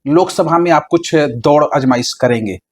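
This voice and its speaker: A man's voice: fairly high pitch, moderate pace, husky. A man interviewing a hospital official with pointed, probing questions.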